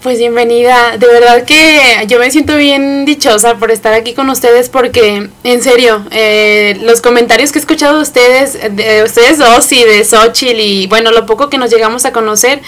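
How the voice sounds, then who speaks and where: A woman's voice: a little high, fairly even intonation, moderate pace, few pauses. Chatty woman hosting a talk. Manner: chatty, warm welcoming with filler words. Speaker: host. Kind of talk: casual chat.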